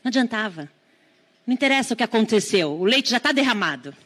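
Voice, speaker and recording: A middle-aged Brazilian woman giving a live lecture on parenting, lively and drawing the audience in with questions. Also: fairly high pitch. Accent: Brazilian Portuguese. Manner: lively, engages the audience with questions and quick asides.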